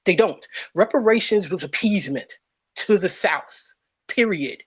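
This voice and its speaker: Young woman, husky voice, blunt and emphatic, casual debate in an online audio room. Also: lowish voice, animated, measured pace. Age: young adult. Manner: blunt, emphatic, repeats points, swears. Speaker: speaker in a live audio room.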